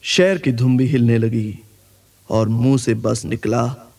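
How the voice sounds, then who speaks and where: A man telling a children's story in a playful sing-song way, half spoken and half sung, over loud folk music. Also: mid-range voice, fairly even intonation, slow pace, creaky.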